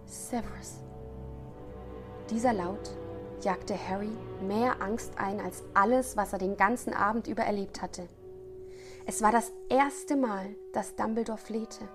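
A woman reading a novel passage aloud in dramatic, tense scripted narration. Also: mid-range voice. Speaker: guest reader. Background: faint music.

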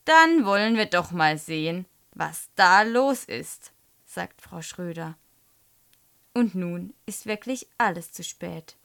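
Slow, clear storybook reader, woman, mid-pitched, for a children's book presentation. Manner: slow, lively storybook reading. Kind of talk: reading a story aloud.

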